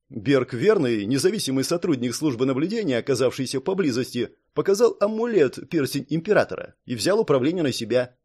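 Man reading as dutiful male secretary, audiobook, brisk formal report, raised pitch, urgent. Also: darkish tone, husky.

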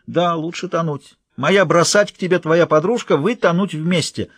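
A man voicing a huge, fierce warrior queen who speaks in hoarse, broken sentences, slow and menacing. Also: no echo, natural voice. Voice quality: hoarse bass, broken grammar.

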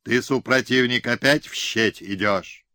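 A man's voice: medium pitch, measured pace, pushed and bright, dry recording, studio quality. A man voicing a stern, irritable rebel leader who talks curtly, in an audiobook. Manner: curt and irritated. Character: stern, irritable peasant-tsar leader, male. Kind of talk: audiobook character reading.

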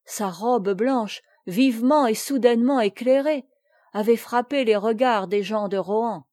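A woman reads a classic story aloud, unhurried and measured. Her tone is mellow and soft-edged, and she voices the characters' dialogue. The recording is dry and close, with no room sound. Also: a little high, no room sound. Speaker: audiobook reader. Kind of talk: scripted narration of a classic tale.

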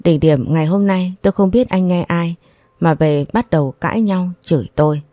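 A woman reading a first-person audio story in a steady, even storytelling manner. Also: on the low side, moderate pace, no echo. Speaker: narrator.

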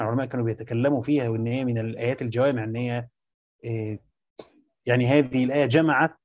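A man's voice: mid-range voice, darkish tone, lo-fi sound. A man with an Egyptian accent teaching a lesson on Quran commentary, explaining step by step and quizzing his listeners with repeated questions. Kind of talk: classroom lecture on Quran exegesis.

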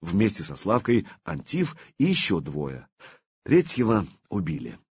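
A man narrating an audiobook with a lively, dramatic reading. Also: low-pitched, measured pace, husky, no room sound, highs cut off.

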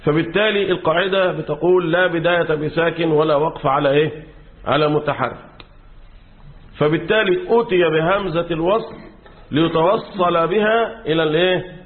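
Egyptian sheikh teaching a class, voice a bit high, keeps throwing questions at the students, sounds thin like a phone line. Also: male voice, moderate pace. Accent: Egyptian Arabic. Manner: keeps quizzing his class with fill-in questions and repeats key words. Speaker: sheikh teaching Quran commentary. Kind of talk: classroom lecture. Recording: tinny lo-fi phone-like recording.

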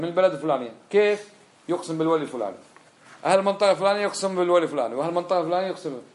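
A man giving an impassioned religious lecture as a teacher, firing off rhetorical questions. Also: a little high. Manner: fiery, fires off rhetorical questions.

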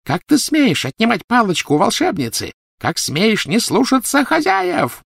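A male narrator voicing a cruel, gloating female dark witch in an audiobook. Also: sing-song, normal speed, no echo, studio quality, close to an everyday voice. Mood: shrieking. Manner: sneering, shrill and spiteful.

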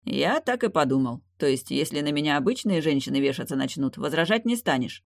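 A reader voicing a mocking young male warlock in an audiobook, speaking calmly and sardonically. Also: mid-range voice, brisk, gravelly, no echo, studio quality. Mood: teasing. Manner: sardonic, grinning.

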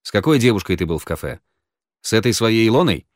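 A cool, sardonic man in an audiobook scene who questions others with dry mockery, as a male narrator puts him on. The voice sits low and unhurried. The recording is close and dry. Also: no echo. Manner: dry, calm, mocking.

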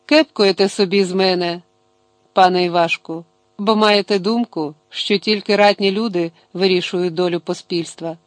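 A man's voice: sits high, steady tone, moderate pace, no echo, natural voice. A man voicing a worn-out, poor male scribe who speaks in a tired, plaintive way. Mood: humble. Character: weary poor male scribe, frozen and humble.

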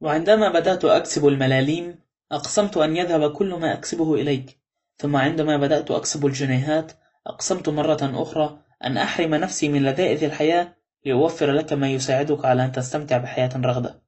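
Guy doing a calm older ex-con in an audiobook, talks quiet and quick. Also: fairly high pitch, close to an everyday voice. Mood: fond. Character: older male ex-convict, calm and grateful.

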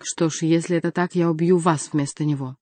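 A woman reading an audiobook voices a furious, hot-tempered male count who shouts his threats. Dry, close recording. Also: low voice, steady tone, a little fast, no room sound.

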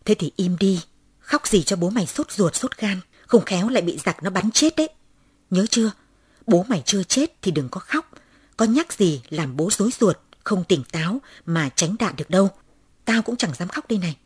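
A woman reading aloud voices a stern, quick-tempered mother who scolds her young daughter sharply. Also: mid-range voice, animated, a little mellow, breathy edge, dry recording, studio quality. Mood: scolding.

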